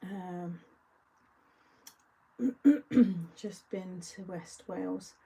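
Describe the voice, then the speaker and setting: A woman's voice: fairly low pitch, drawn-out words, creaky, dark tone, slight background noise, rough recording. A woman hosting a live craft-along, chatting casually and answering viewer comments as she works. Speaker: craft show host.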